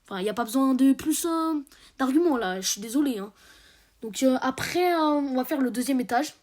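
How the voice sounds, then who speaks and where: A teenage girl who makes gaming videos chats casually over her gameplay in a high, animated, brisk and slightly mellow voice. Recorded at home and dubbed over the footage, she rambles and jokes with lots of hesitation.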